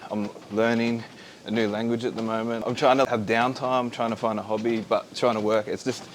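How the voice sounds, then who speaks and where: A man's voice: mid-range voice, level tone, fairly quick, poor audio. A man chatting casually in an interview as a company founder, while exercising on a treadmill. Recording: faint ambient background noise.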